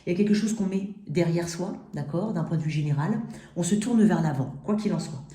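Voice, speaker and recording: A woman's voice: lowish voice, lively intonation, a little fast, warm tone. A woman with a lisp on her s sounds, giving an informal tarot reading and speaking directly and intimately to the listener. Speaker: tarot reader, host. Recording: roomy, echoing sound.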